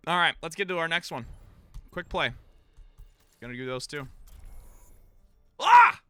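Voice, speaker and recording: A man's voice: a little high, normal speed, pushed and bright, smooth, no echo. A man live-streaming a video game, chatting with viewers and commentating his own match in a hyped, chatty way while sounding tired. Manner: hyped, chatty, reads chat aloud. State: tired, yawning.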